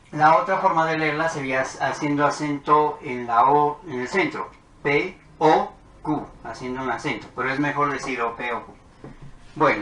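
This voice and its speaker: A man's voice: mid-range voice, pushed and bright. A man teaching a logic lesson, talking methodically through truth tables as he writes them out. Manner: methodical, talks while writing tables. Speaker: math teacher. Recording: echoey room with faint noise.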